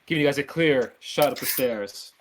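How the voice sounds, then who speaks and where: A man runs a tabletop fantasy game as its game master. His mid-range voice tells the scene informally and haltingly, in casual words. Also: medium pitch, noisy background.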